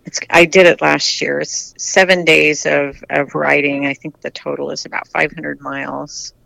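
In a chatty interview, a retired American cyclist in their sixties answers candidly, often restarting and repeating words. Their mid-range voice is gravelly, bright, and forceful, with a level tone at a moderate pace, recorded in low quality with no room sound.

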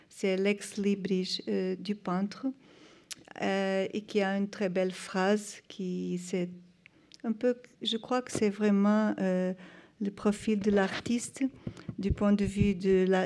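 A woman's voice: medium pitch, little pitch movement, slow pace, a little mellow. A woman gives an informal introduction in French, hesitantly searching for her words. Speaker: presenter introducing a speaker.

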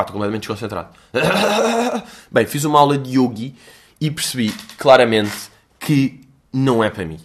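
A young man with a European Portuguese accent and a voice on the high side hosts his own casual podcast. He rambles along in a self-mocking way, swearing freely.

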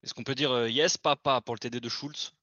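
Bright-voiced teasing man, lo-fi podcast. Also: medium pitch, fairly even intonation, no echo. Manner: teasing, laughs often, quick banter. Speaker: podcast host. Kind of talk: casual chat.

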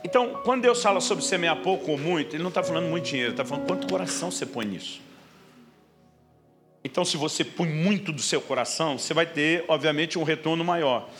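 Pastor, fairly high voice, animated preaching and storytelling, guitar music playing behind. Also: male voice, fast talker. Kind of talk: sermon.

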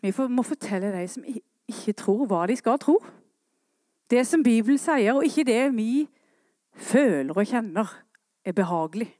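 Woman, sermon, high voice, dry close sound, earnest to impassioned. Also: lively intonation, dark tone, no room sound. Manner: rising to impassioned calls, then dropping low and earnest. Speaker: preacher.

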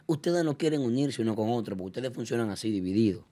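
A man's voice: lively intonation, fast talker. Emphatic man lecturing on air. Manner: emphatic, lecturing, sharp pitch jumps when ranting. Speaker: radio podcast host. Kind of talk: heated studio talk show. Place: studio with several guests at a table.

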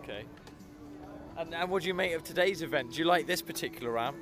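A man interviewing skaters at an outdoor competition, chatty and encouraging, firing off quick follow-up questions. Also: fairly high pitch.

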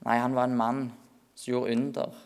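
A man preaching an earnest sermon at a church meeting, often slowing and softening his voice for emphasis. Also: mid-range voice, flat delivery, clear, resonant tone.

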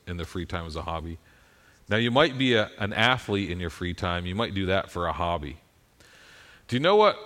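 A man's voice: mid-range voice, a bit bright. An American man giving a conversational sermon in a folksy, self-deprecating manner, often checking in with his listeners. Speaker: preacher.

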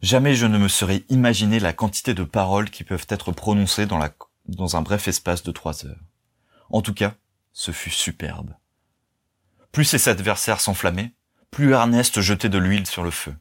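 A man reading a novel aloud as narrator, in a measured, even storytelling manner. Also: low voice. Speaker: audiobook narrator. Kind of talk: scripted narration.

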